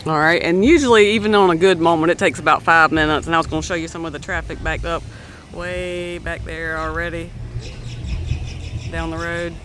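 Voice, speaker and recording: A man's voice: on the high side, a bit bright, a little hiss or hum. A man hosting a vlog, chatting unscripted as he walks outdoors, stammering now and then. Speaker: vlog host. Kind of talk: casual walking-tour narration. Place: outdoors at a waterfront marina, walking.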